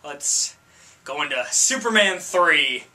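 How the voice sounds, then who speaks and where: Male reviewer host, crisp bright tone, sarcastic comedic rant delivery. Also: animated, slow pace. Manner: exasperated, sarcastic, swings from low mutter to loud outbursts.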